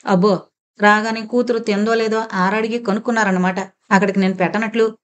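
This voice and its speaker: A harsh, jealous stepmother , as a woman narrator puts her on snaps out fast, shrill scolding in a storybook reading. Her voice climbs high and loud when she rails. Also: fairly even intonation, lightly acted. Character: sharp-tongued jealous middle-aged stepmother.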